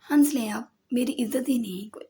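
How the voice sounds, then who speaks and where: A woman's voice: a little high, brisk, dark tone, close to an everyday voice. A woman voicing a mischievous, teasing young man in an audiobook novel, with a playful manner.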